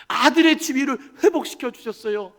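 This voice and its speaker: A middle-aged man preaching a sermon as senior pastor, swinging between hushed pleading and loud emphatic lines. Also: extremely high pitch, a little fast. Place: church sanctuary. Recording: church hall with long reverb.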